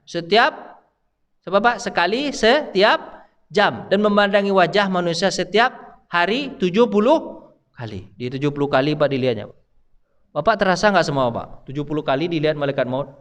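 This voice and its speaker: A man's voice: high voice, animated, moderate pace, fairly bright tone. A male preacher giving a mosque sermon, often putting questions to the congregation. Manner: keeps asking the congregation questions. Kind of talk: mosque sermon, Islamic study class. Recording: long reverb of a mosque hall.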